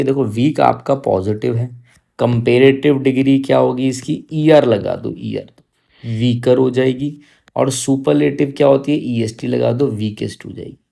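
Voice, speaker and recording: A male teacher giving an exam-prep grammar lesson, coaxing and teasing his students and drawing out English examples slowly. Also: mid-range voice, creaky, dark tone.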